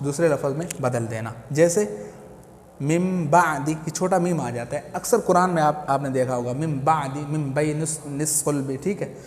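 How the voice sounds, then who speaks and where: A man's voice: on the high side, darkish tone, slight background noise. Echoey male Quran teacher. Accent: Urdu. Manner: patient, explains step by step and repeats key terms. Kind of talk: teaching a lesson. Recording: echoey room.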